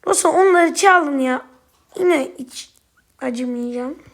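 A woman giving casual gameplay commentary, quick to anger and swearing at opponents, then chatting directly to her viewers. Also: high-pitched. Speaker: gaming YouTuber.

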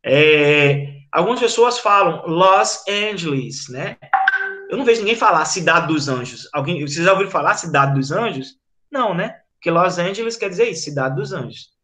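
A man's voice: on the high side, expressive, moderate pace, pushed and bright. A man with a Brazilian Portuguese accent teaching an online English class, chatty and explanatory, often checking in with his students. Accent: Brazilian Portuguese, from Rio Grande do Norte.

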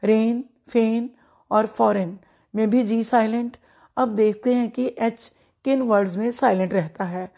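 Slow, mellow-voiced woman teaching pronunciation. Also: fairly high pitch, fairly even intonation, vocal fry. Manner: slow, deliberate, repeats each word carefully. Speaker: English teacher, former principal. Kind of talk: pronunciation lesson in Hindi.

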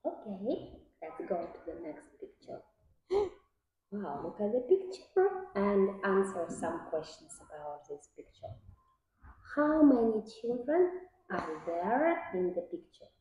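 Young female teacher, child-directed simple prompts, unhurried delivery with lively intonation, roomy slightly muffled recording. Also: medium pitch. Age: young adult. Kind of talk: one-to-one oral language questioning of a child. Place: small indoor classroom. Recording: echoey room, slightly dull sound.

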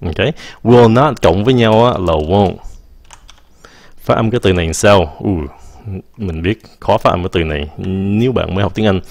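A man teaching English in a casual video lesson, switching between languages, saying "ok" often and slowing down to model example sentences. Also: sits low, creaky, darkish tone, dry recording. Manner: mixes English phrases into explanations, repeats "ok" often.

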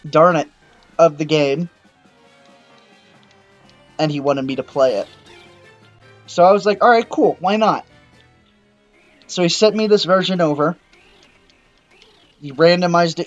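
A young man talks through a video game in a loose, rambling way and keeps breaking into excited yelps. His voice sits a little high for a man. Faint game music plays under him. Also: dull audio. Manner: casual, rambling, excitable outbursts. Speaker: gaming channel host. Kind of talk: let's-play commentary.

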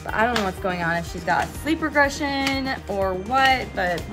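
A young woman talking into a phone held at arm's length in a bedroom at home. Her voice sits a little high, and her chat is lively and expressive, with easy laughs. Soft music plays underneath. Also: normal speed. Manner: chatty, expressive, laughs easily. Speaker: vlogger, mother. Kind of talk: casual vlog chat.

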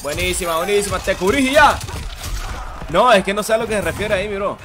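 A man's voice: high-pitched, fast. A man streaming a fighting game, hyped and slangy, casually thanking viewers and calling out the action. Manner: hyped, slangy, repeats shout-outs. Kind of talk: casual live-stream commentary. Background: game music.

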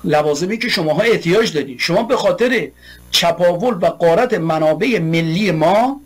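A man with a high-pitched voice delivers a heated political monologue. He argues rhetorically, piling up long repeated lists. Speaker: political commentator.

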